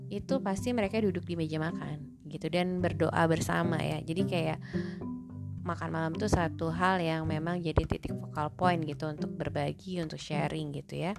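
An Indonesian woman telling a chatty story about her exchange year, full of fillers and switching into English phrases. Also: on the low side. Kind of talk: casual storytelling monologue. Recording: clear music playing under the voice.

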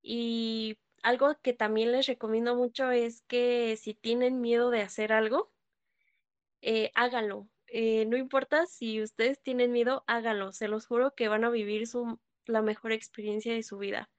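A woman's voice: a little high, level tone, moderate pace, clean tone, dull audio. A young woman, a guest in a casual chat, hesitant and earnest with many fillers. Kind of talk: casual conversation.

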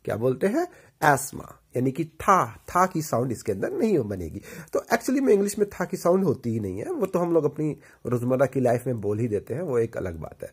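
A man's voice: medium pitch, wildly swooping pitch, brisk, few pauses, slightly rough. A man teaching pronunciation, saying each word and then asking the listener to repeat it back. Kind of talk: spoken lesson.

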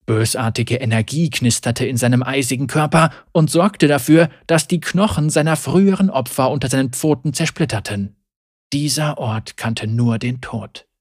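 Husky-voiced male fantasy narrator. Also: mid-range voice, dry recording, clean studio sound. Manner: measured, grave storytelling. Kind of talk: scripted fantasy story narration.

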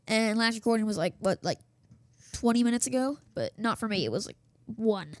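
A woman with a slightly high voice and lively intonation talks briskly while hosting a small radio news show from her home office. Though she's losing her voice, she keeps up a casual, rambling chat full of fillers, restarts and self-interruptions. The dry recording comes through a desktop setup with a small soundboard.

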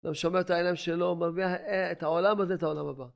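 An older rabbi giving a Torah lesson, preaching emphatically with repeated phrases and rhetorical questions, moving between loud exclamations and quiet asides. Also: male voice, high voice, steady tone, gravelly.

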